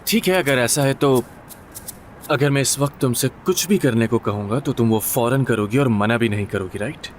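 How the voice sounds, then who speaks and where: A man's voice: mid-range voice, normal speed, a little hiss or hum, lightly acted. An actor dubbing an easygoing young male doctor in a TV drama, talking in a casual, teasing way. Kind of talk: dubbed TV drama acting.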